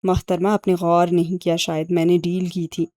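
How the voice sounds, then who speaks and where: A woman's voice: on the low side, little pitch movement, warm tone, dry recording, lightly acted. A woman reading an audiobook and voicing a sardonic young man who explains his schemes with dry sarcasm. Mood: wry. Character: sharp, sardonic young man, ex-agent uncle.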